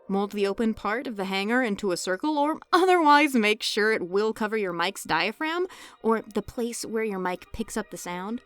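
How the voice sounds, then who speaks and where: Over background music, an indie voice actor hosts a scripted tutorial, her narration playful and cheeky with joking asides. She speaks with a medium-pitched, slightly bright voice.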